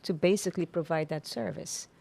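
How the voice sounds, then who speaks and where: A woman with an Aruban accent explaining things formally and in measured, hesitant phrases as an interview guest. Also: fairly low pitch, gravelly, dark tone. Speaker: tourism authority official, interview guest.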